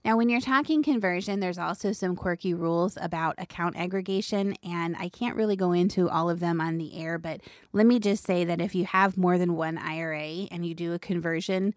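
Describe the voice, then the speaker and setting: Female radio host, slightly low pitch, informal explainer of money matters, close dry studio sound. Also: a little fast, hardly any pauses, no room sound. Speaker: financial radio show host. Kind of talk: conversational financial advice broadcast.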